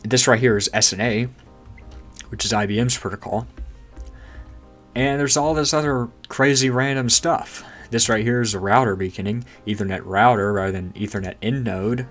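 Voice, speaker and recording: His voice, lowish and fairly bright at a normal pace, comes through a voice changer that renders it robotic, with soft music in the background. This man runs a tech channel and casually guides viewers around a screen, chatty and full of rhetorical questions, entertained by obscure jargon.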